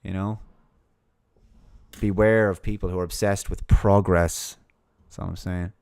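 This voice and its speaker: A man's voice: deep voice, little pitch movement, unhurried, gravelly, darkish tone, dry recording, clean studio sound. A man giving a monologue commentary, reading out an article and mocking his opponents in sarcastic put-on voices.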